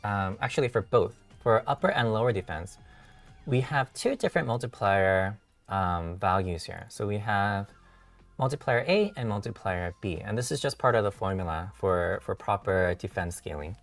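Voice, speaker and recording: A man who is a software engineer, hosting a tutorial stream and explaining code step by step, halting with many fillers and self-corrections, his voice a little worn. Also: on the low side, expressive, far from the mic, soft background music. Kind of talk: live-coding tutorial walkthrough.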